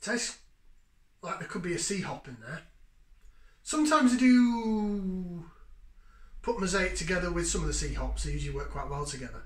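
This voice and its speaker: Captured by a fixed camera at table distance in an echoey kitchen, a man in his thirties casually reviews a beer at home, chatty and enthusiastic as he sniffs and sips. He has a high voice with lively intonation, speaks at normal speed and pauses often.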